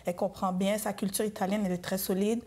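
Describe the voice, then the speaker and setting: A woman's voice: medium pitch, flat delivery, fast, a little mellow. Earnest Québécoise mother with hesitant fillers. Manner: earnest, hesitant with many euh. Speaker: guest, mother. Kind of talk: casual interview.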